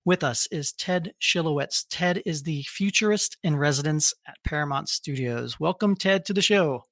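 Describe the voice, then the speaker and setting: A man hosting a podcast, presenting and asking interview questions in a clear presenter's delivery. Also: on the high side, normal speed, fairly bright tone, no echo, clean studio sound. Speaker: podcast host.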